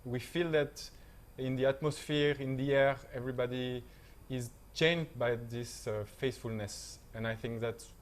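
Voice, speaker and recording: Soft-spoken young man. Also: medium pitch, fairly even intonation. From France. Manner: soft-spoken, halting, many fillers. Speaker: panel guest, volunteer teacher.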